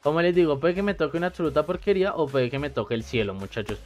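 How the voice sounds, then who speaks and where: A man giving chatty, excitable let's-play commentary and talking straight to his viewers. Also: a little high, rapid-fire, muffled recording, faint music behind. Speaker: gamer.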